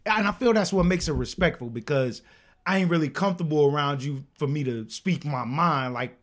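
A man co-hosting a podcast in loud, slangy casual banter, laughing often. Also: on the high side, brisk. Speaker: podcast co-host.

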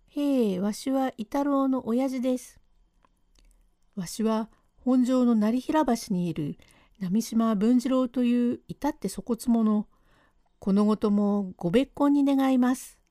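A woman voicing a gentle, formal and quiet-spoken gentleman in a rakugo storytelling reading. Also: fairly high pitch, slow pace, no room sound, clean studio sound. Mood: courteous. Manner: formal, polite, quiet-voiced. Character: gentle, soft-spoken gentleman, courteous and modest.

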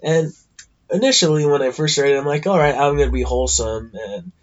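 A man's voice: medium pitch, fairly quick, muffled recording. An American man with a congested, stuffy nose, hosting a podcast alone in a casual, blunt, sweary ramble. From California, United States. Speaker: podcast host.

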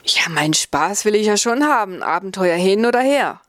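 A woman's voice: medium pitch, animated, moderate pace, no echo, close to an everyday voice. A woman voicing a jolly, teasing male marmot from the Swiss mountains in a storybook reading, recorded dry and close. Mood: cheerful. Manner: playful, teasing, fond of food and fun.

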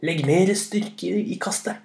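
A man voicing a big, boastful thunder god who shouts and laughs heartily in a storybook tale. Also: on the high side, animated, close to an everyday voice. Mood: encouraging. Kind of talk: storybook narration.

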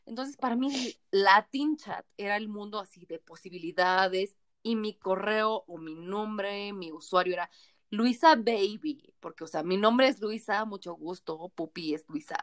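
A woman's voice: medium pitch, measured pace, no echo, studio quality. A woman in her thirties with a Mexican accent, a tipsy podcast co-host telling frank stories with playful quoted voices. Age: 30s. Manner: animated, frank storytelling with playful put-on quotes. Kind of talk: casual chat.

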